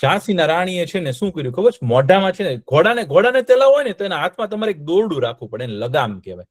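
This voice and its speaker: Man, children's storyteller, keeps asking the kids questions, fairly high voice, dry sound. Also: quick pace, no room sound. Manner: lively, often quizzes the children with check-in questions. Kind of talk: telling a history story to children.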